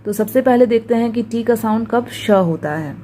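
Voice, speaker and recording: A woman with a Hindi accent teaching English pronunciation in a video lesson, talking slowly and carefully, repeating words for drilling. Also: a little high, dark tone, slight background noise, low-quality recording.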